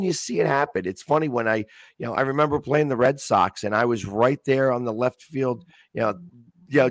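A man's voice: medium pitch, a bit bright, dry recording. A talkative man in casual chat as a sports-fan guest, rambling with many restarts.

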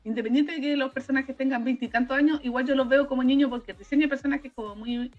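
A woman's voice: high voice, fairly even intonation, fast talker, lo-fi sound. A Chilean woman co-hosting a podcast, chatting casually about an anime and often restarting her sentences. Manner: chatty, hesitant, trailing restarts. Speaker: podcast co-host. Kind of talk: casual anime review chat.

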